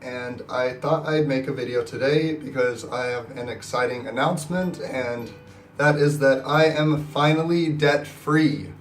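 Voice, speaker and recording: A sick man in his twenties, a personal finance vlogger, tells his story in a casual vlog with a nasal, scratchy voice. He's upbeat and rambling, speaking a little slowly in a mid-range voice with fairly even intonation. The room echoes, the mic is distant, and faint guitar music plays.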